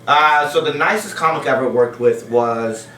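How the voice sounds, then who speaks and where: A man's voice: mid-range voice, moderate pace, pushed and bright, a little hiss or hum. A man, a stand-up comic, telling rambling, profane stories on a casual podcast and often breaking into laughs. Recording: roomy sound from a distance.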